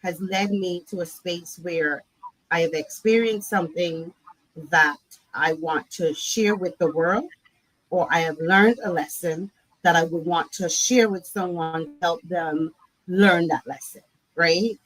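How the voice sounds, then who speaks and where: A woman from Barbados, the CEO of a nonprofit, speaks reflectively as a guest in a conversational interview and frequently asks "right?". Her voice sits on the low side, with a fairly bright tone and an unhurried pace. The recording is rough.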